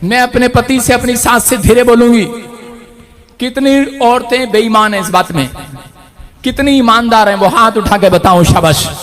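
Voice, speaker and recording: High-pitched male preacher, fervent sermon, shouts for emphasis, tells playful stories. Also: normal speed, faint music behind. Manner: impassioned, rising to shouts, jokey storytelling.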